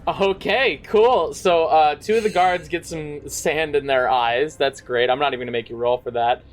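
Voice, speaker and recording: A man's voice: a little high, moderate pace, raised voice, faint music behind. A man running a tabletop game as dungeon master, chatty and loose, with frequent fillers.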